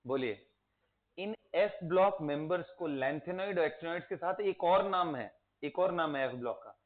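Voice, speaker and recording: A man's voice: on the high side, a little slow. A man teaching a chemistry lesson, quizzing his students and coaxing them to recite element names. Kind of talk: classroom lecture. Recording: tinny phone-like audio.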